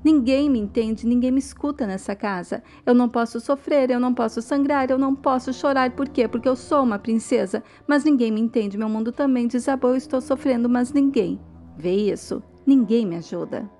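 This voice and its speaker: A woman's voice: a little high, fairly quick, soft background music, close to an everyday voice. A woman reading a spoiled, fiery young woman. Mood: anguished. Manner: plain read-aloud, sharp and indignant.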